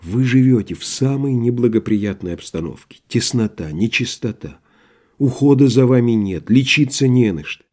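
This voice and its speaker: A man voicing a soft-hearted older male postmaster who pleads with a friend in a gentle, tearful half-whisper. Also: fairly low pitch, lightly acted. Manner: soft, coaxing half-whisper with sudden gruff barks.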